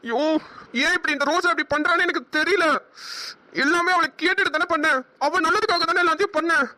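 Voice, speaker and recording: Cartoon: a flustered, explosive brother, Namakkal Tamil accent, high and bright. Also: female voice, steady tone, fast talker. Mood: furious. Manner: flustered, stammering then explosive. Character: anxious protective older brother, hot-tempered. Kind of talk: cartoon voice acting.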